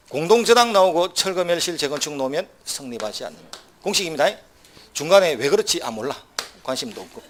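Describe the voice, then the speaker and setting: A man's slightly high voice runs through a law exam lecture at a brisk clip. He keeps firing either-or questions at the class and slipping in dry, joking asides. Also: a bit bright. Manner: brisk, quizzing students with rhetorical either-or questions; wry asides with short laughs.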